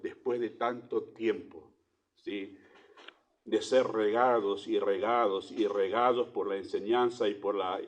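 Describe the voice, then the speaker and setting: This church sermon comes from a man with a Rioplatense Spanish accent and a fairly low voice. He poses rhetorical questions, moving back and forth between forceful emphasis and hushed asides.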